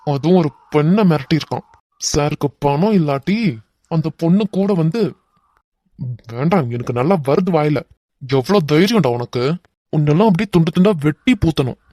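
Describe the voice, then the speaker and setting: A man's voice: a little high, warm tone, no room sound, lightly acted. A man voicing a hot-tempered young man who mocks and threatens a crook, with a Kanyakumari Tamil accent, in a cartoon. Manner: threatening, mocking.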